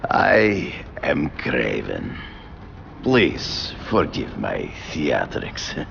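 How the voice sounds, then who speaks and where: A formidable Russian hunter from a video game, with a bottomless, gravelly voice. He speaks slowly and grandly in a thick Russian accent, swinging his pitch for theatrical weight. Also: wildly swooping pitch, fairly bright tone, dull audio, a little hiss or hum, heavily acted. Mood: grand, composed. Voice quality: gravelly, heavy. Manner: grandiose, formal, deliberate. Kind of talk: video game character acting.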